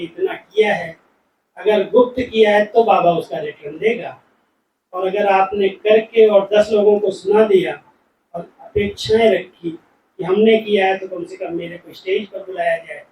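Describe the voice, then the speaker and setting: A man's voice: sits high, a little mellow, a little hiss or hum. A man giving a devotional class talk, telling stories and acting out quoted dialogue, from India. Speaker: spiritual speaker. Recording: echoey hall, voice from a distance.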